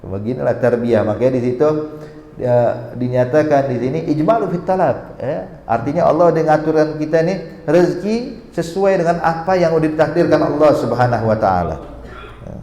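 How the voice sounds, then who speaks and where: A man's voice: on the high side, moderate pace, mellow. A man with an Indonesian accent giving an Islamic sermon. He tells a story and acts out its dialogue, and he quotes Arabic as he goes. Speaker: preacher. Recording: echoey hall.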